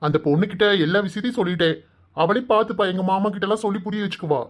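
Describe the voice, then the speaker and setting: A woman's voice: medium pitch, natural voice. A woman voicing a young village man in a cartoon, with a Kanyakumari Tamil accent, teasing and coaxing his sweetheart. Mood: reassuring. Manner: teasing and coaxing, soft and drawn-out. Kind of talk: cartoon voice acting.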